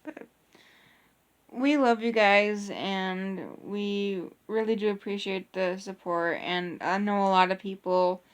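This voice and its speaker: Her voice is smooth, medium in pitch, and steady, and she takes things slowly. The young adult vlogger chats casually in a couple's vlog, rambling along with frequent restarts and fillers.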